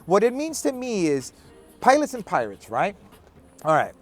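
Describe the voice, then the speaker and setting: A man co-hosting a casual chat, talking in an animated, emphatic way and swearing freely. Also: sits high, moderate pace. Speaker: podcast co-host. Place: outdoors in cold weather.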